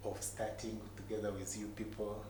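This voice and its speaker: A man with a Ugandan accent speaks in a low, fairly flat voice, telling motivational stories about himself. He pauses often and repeats words to drive them home. The recording is a noisy, echoey room. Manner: halting, repeats words for emphasis. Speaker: entrepreneur guest telling his story. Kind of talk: motivational personal storytelling in an interview. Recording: echoey room with clear background noise.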